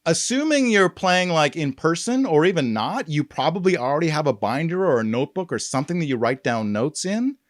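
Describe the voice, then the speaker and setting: A man's voice: fairly high pitch, sing-song, fairly quick, hardly any pauses, no echo, clean studio sound. A man who works as a voice actor, chatting animatedly and laughing often while giving tips. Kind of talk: casual chat.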